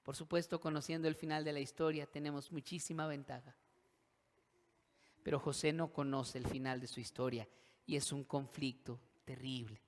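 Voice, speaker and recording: A man's voice: on the high side, fairly even intonation, normal speed. A male pastor preaching a sermon, acting out voices of the characters and leading call-and-response with the congregation. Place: church hall. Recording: long hall reverb.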